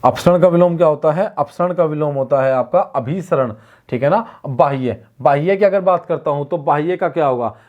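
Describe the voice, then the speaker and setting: A man's voice: fairly high pitch, moderate pace, highs cut off. A man teaching an online exam-prep Hindi class, who keeps asking questions and repeating the answers so students can follow.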